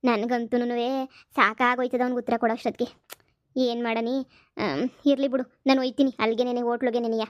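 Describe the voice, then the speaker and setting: A woman's voice: on the high side, little pitch movement, a little fast, dry recording, lo-fi sound, close to an everyday voice. A woman voicing a troubled young woman in a cartoon, talking in a resigned, complaining way. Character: troubled young woman, sad and self-pitying.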